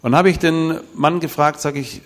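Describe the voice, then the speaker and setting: Middle-aged male preacher, animated storyteller who acts out dialogue, recorded in a reverberant hall. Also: on the high side, moderate pace. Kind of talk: sermon with told stories.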